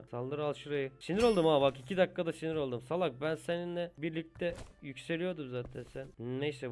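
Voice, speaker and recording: A man giving casual let's-play commentary on a strategy game, excitable, swearing at and scolding the countries on the map, and chatting with his viewers. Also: medium pitch. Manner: chatty, keeps addressing viewers as "abi". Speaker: gaming YouTuber.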